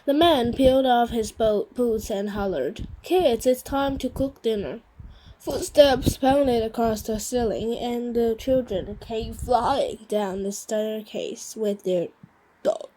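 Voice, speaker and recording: A woman's voice: a little high, warm tone, slight background noise, poor audio. A woman reading a children's novel aloud, stumbling and restarting on harder words. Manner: slow, halting reading with frequent restarts on hard words. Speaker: reader.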